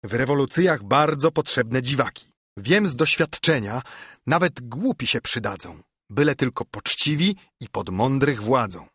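A man's voice: medium pitch, lively intonation, unhurried, a bit bright, husky, no echo, studio quality. A man voicing a fervent old monk who urges others to rise up, in an impassioned audiobook verse reading. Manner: impassioned, urging.

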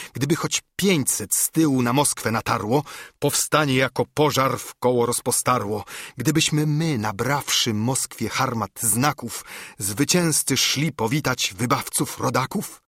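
A man's voice: mid-range voice, a bit bright, slightly rough, no echo, clean studio sound. A man voicing a fervent old monk who urges others to rise up, in an impassioned audiobook verse reading. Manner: impassioned, urging.

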